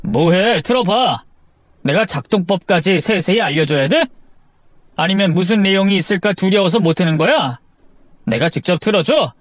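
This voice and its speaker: Casting: man playing angry husband, accusing, voice climbing high in anger, dry recording. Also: animated, moderate pace, no room sound. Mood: furious. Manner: shouting, accusing, rising anger. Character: angry husband confronting his wife, furious, accusing.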